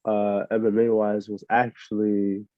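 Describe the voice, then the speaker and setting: A young man from Miami, a fighter answering interview questions in a relaxed, rambling way full of fillers. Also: fairly low pitch, unhurried, no room sound. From Miami, USA. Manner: laid-back, rambling with many fillers. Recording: muffled lo-fi audio.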